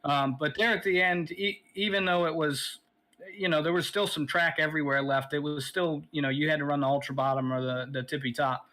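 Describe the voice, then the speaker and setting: A man, a sim racing driver, speaks a little out of breath after the race. His voice is bright and sharp, and he talks casually, rambling and restarting his sentences. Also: a little high, fairly even intonation, brisk, low-quality recording. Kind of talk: post-race interview.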